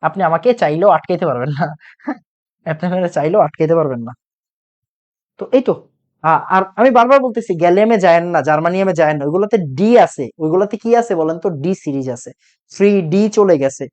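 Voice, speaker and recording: A man's voice: high-pitched, animated, fast, darkish tone. A young man teaching a chemistry class online, with a sore throat, repeating each point and quizzing his students. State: sore throat from talking loudly.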